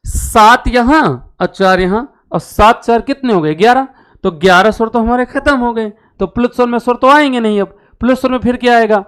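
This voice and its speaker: Male language tutor, exam-prep lecture, smooth clear voice, asks and answers his own questions. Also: sits high. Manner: repeats key terms for emphasis. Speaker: Hindi teacher.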